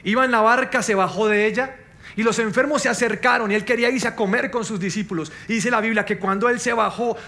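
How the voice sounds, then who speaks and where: Man, pastor, sermon, high voice, impassioned with soft asides.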